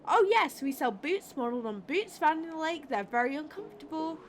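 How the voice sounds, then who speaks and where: A woman's voice: sits high, lively intonation, brisk, a little hiss or hum, pitched above the performer's own voice. A woman voicing a chatty, rambling small-town tourism officer in a game.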